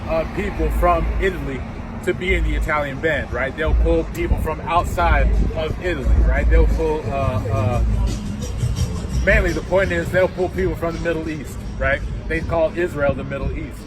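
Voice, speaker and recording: A man's voice: a little high, normal speed, loud music behind the voice, rough recording. A man preaching and teaching from the Bible outdoors, repeating himself and tagging "right?" onto his points. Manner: repetitive, keeps asking "right?". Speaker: street preacher. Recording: outdoor traffic noise.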